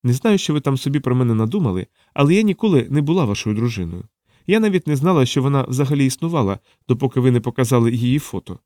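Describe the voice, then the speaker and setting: A man's voice: mid-range voice, animated, rapid-fire, mellow, dry recording, clean studio sound, close to an everyday voice. A man voicing a blunt, fierce young woman soldier who talks in terse, clipped lines. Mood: insistent.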